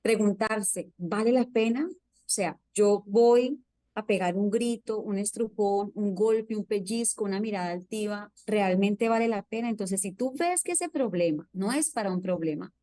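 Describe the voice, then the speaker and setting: A woman's voice: medium pitch, measured pace, dark tone, no room sound. A woman, a parenting guest explaining thoughtfully and listing examples. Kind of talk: interview answers.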